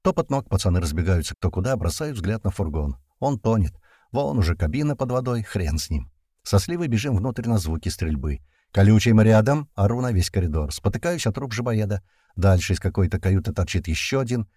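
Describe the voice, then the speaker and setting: Low, dark male audiobook narrator. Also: very animated, a little fast, husky, no echo, clean studio sound. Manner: tense storytelling with shouted commands. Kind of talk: first-person action audiobook narration.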